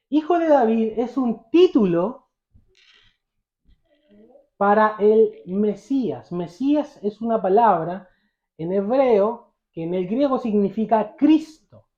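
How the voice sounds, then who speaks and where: A man's voice: high voice, warm tone, echoey room. Pastor guy preaching, storytelling, asks the church questions, kinda muffled recording. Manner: storytelling, rhetorical questions to the congregation. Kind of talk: sermon.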